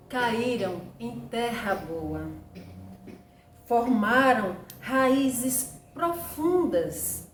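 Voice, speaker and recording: A woman telling a children's Bible story like a kindergarten teacher, in simple, deliberate phrases. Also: fairly high pitch, darkish tone. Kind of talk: children's Bible story narration with sung refrains. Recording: roomy echo, distant mic, faint noise.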